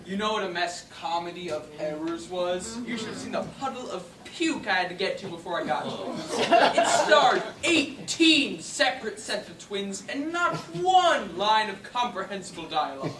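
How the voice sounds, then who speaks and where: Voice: mid-range voice, sing-song, close to an everyday voice. A student playing a snide rival playwright. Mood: mocking. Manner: sarcastic, drawn-out delivery. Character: snide young playwright, witty and mocking. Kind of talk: high school stage comedy. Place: school auditorium stage. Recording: distant stage mic, echoey hall, crowd laughter.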